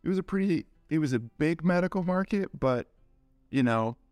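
A man's voice: a little high, expressive, moderate pace, darkish tone, dry recording, faint music behind. A middle-aged man telling stories casually in an interview, with a laid-back stoner way of talking, full of slang and swearing. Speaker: interview guest recounting a cannabis industry career. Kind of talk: casual anecdotal interview storytelling.

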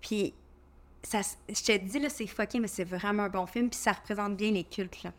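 A woman's voice: medium pitch, fairly even intonation, normal speed. A young woman with a Québécois French accent, co-hosting a podcast in casual, rambling chat full of fillers. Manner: chatty, rambling with frequent fillers. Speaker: podcast co-host.

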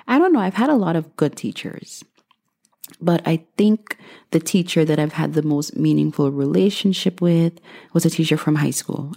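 Woman in her thirties, low and gravelly, mellow tone, dry humor, casual Q&A vlog. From Guyana. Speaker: vlogger.

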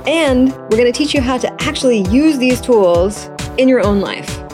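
A woman's voice: fairly high pitch, expressive, normal speed, music in the background. A woman podcast co-host with a runny nose, chatting casually in a playful, jokey way.

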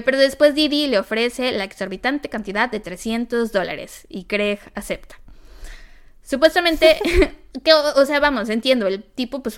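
Mexican woman, podcast co-host, casual true-crime storytelling, smooth clear voice, a bit high. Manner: chatty, animated retelling with asides.

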